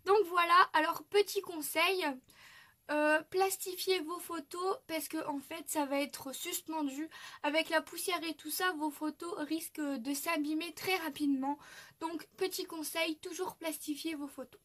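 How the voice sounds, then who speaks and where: Young french woman showing her crafts, high voice, lots of euh and restarts, super chatty. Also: steady tone, unhurried, a bit bright. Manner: chatty, many fillers and restarts. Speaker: craft youtuber. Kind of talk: casual craft tutorial.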